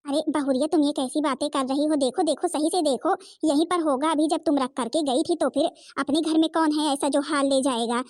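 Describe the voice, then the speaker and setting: A woman's voice: sits high, fairly even intonation, brisk, few pauses, a little mellow, dry recording, natural voice. A woman voicing a middle-aged mother-in-law in a cartoon, soothing and reasoning. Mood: concerned.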